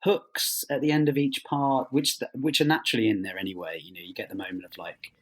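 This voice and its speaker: A writer responds to interview questions in a medium-pitched, slightly rough and somewhat bright voice with little pitch movement. His manner is thoughtful and hesitant, with halting phrasing and many trailing rephrasings along the way.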